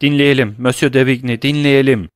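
A man reading the part of a desperate young lover who presses and pleads, his voice lifted a little higher and louder than plain narration. He sounds grieving and urgent, like a storybook hero at his breaking point, recorded dry and close. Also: steady tone, brisk, smooth, dry recording, close to an everyday voice. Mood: pleading.

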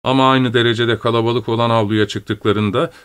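A man narrating an audiobook in a steady, measured reading voice. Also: medium pitch, clean tone.

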